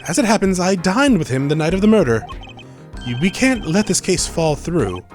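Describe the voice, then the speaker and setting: A man's voice: high-pitched, very animated, normal speed, darkish tone, soft background music, pitched above the performer's own voice. Man acting out a composed, formal senior lawyer. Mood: composed, dry. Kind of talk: voicing video game dialogue.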